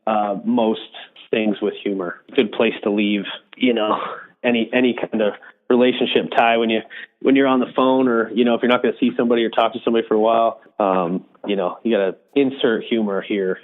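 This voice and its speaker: A man's voice: lowish voice, fairly even intonation. Easygoing man on a tinny phone line. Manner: reflective, easygoing, quick to laugh. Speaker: guest, mental health association director. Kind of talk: casual interview chat.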